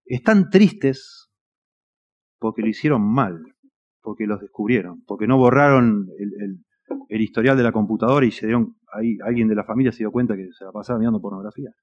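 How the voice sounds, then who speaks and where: A man with a Rioplatense Spanish accent preaching a sermon, earnest and emphatic, his voice swelling and dropping in loudness. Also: fairly low pitch, fairly quick. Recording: dull lo-fi recording.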